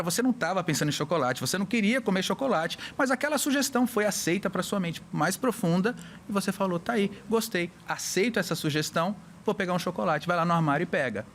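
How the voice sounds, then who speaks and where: A man from Brazil, a hypnotherapist on a casual podcast, explaining with lively little acted-out scenes. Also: fairly high pitch, a little hiss or hum. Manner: animated, acts out little scenes with voices. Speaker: hypnotherapist guest.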